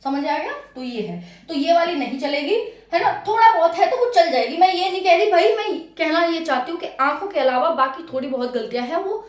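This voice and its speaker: A woman's voice: high-pitched, expressive, a little fast, hardly any pauses, roomy sound. A woman coaching exam candidates in a casual, chatty way, repeating her points and speaking to viewers as friends. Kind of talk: casual classroom-style explainer.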